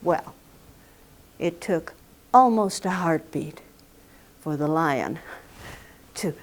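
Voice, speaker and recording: A woman's voice: low voice, expressive, slow pace. A woman telling a folk tale live in a recording studio, dramatic and often dropping to a whisper. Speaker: storyteller.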